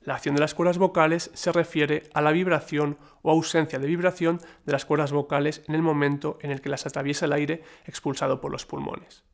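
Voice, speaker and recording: A man reading a scripted lesson in a measured, explanatory way, with the odd slip and filler. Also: a little high, creaky. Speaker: lecturer. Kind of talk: scripted educational narration.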